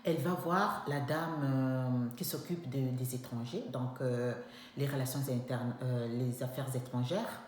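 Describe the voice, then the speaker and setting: Low-voiced young woman telling a personal story. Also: a little slow. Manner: animated, emphatic, acts out dialogue. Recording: very echoey room with faint background noise.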